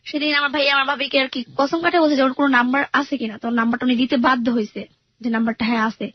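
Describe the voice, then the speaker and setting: A woman's voice: high-pitched, steady tone, racing, no room sound, dull audio. A young woman earnestly retelling her own life story in a rambling way, with many fillers. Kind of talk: personal storytelling interview.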